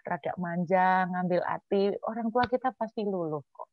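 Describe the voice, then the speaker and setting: A woman speaking earnestly in an online church discussion, with many filler sounds and a voice that drops softly at times. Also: on the low side, normal speed, lo-fi sound, slight background noise. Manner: earnest, with frequent filler sounds, softening to hushed tones when quoting herself. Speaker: church speaker answering questions.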